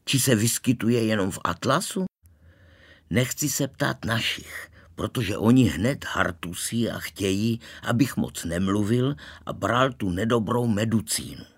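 A man reading a storybook aloud as its first-person narrator, with animated, lively storytelling. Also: on the low side, husky.

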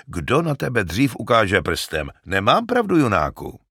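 Loud, eager old shepherd in a storybook, read by a man, lively voice, gravelly edge, dry sound. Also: fairly low pitch, dry recording, voice pushed up, full character voice. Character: excitable old male shepherd, talkative. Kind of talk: audiobook character reading.

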